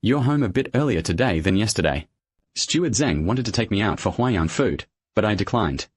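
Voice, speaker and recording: Reserved devoted husband, husky, expressive pitch, earnest, period drama dub. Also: male voice, moderate pace, no room sound. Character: reserved, devoted husband, a ledger-keeping manager.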